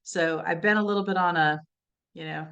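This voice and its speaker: Woman giving a webinar on teaching, lowish voice, casual and chatty, lots of "right?". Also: fairly even intonation, brisk, a bit bright, smooth, highs cut off. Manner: conversational, frequent "right?" and "you know", laughs lightly. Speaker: educator presenting a webinar. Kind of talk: informal teaching talk.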